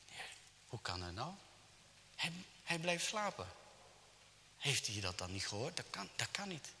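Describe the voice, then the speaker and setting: A man's voice: medium pitch, sing-song, unhurried, bright, forceful tone, long reverb tail, slight background noise, heavily acted. A man voicing a grieving young mother in a retold story, speaking in an anxious, pleading way. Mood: disbelieving.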